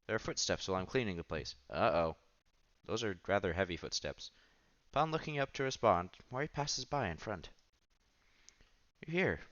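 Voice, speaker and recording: A low-voiced man reads aloud from a visual novel while streaming, speaking at normal speed with lively intonation and a slightly bright tone. He adds casual remarks and stumbles here and there. The recording is dull and lo-fi, with the visual novel's music in the background.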